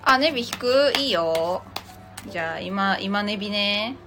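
A woman hosts a casual tarot livestream as its reader, chatting playfully with commenters and shifting between polite and teasing casual speech. Her mid-range voice is animated and a little slow, with background noise and music playing behind her.

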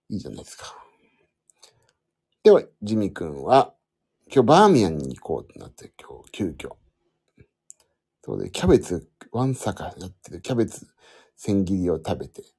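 Husky man rambling casually into his phone. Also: lowish voice, warm tone. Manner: rambling, self-correcting, thinks aloud while using his phone. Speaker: podcast host. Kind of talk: casual solo chat to listeners.

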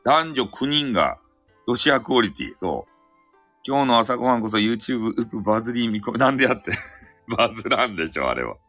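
A man's voice: mid-range voice, very animated, brisk, fairly bright tone, soft background music. A man with a Hakata dialect hosting a casual solo live audio chat, rambling and correcting himself, with chuckles along the way. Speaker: live audio stream host.

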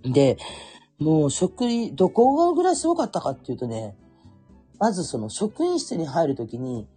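A woman's voice: sits low, very animated, normal speed, warm tone, slightly rough, soft background music. A middle-aged woman from Kurume with a Chikugo dialect, telling stories in a casual solo podcast talk and acting out the voices she quotes. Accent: Chikugo dialect of Fukuoka. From Kurume, Fukuoka, Japan. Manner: chatty storyteller, acts out quoted voices, laughs often. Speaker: podcast host.

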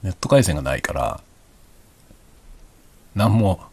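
A middle-aged man chatting casually and quietly, as if late at night, in an easygoing, explanatory way. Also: expressive, measured pace, breathy edge, no echo. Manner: speaks quietly in a hushed, low night-time voice. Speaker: hobby vlogger.

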